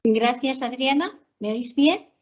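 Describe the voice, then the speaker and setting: A woman's voice: high-pitched, slow pace. A woman with a Spain Spanish accent, a teacher and mother moderating a webinar, working her way through a question with restarts. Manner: thinking aloud with restarts. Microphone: video call. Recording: dull video-call audio.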